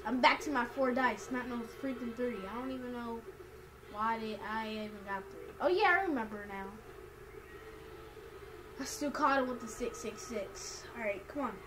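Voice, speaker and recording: A woman's voice: a little high, normal speed, background noise. A woman giving casual let's play commentary in a slangy, exclamatory way, muttering to herself as she plays. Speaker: gaming video player. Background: video game music.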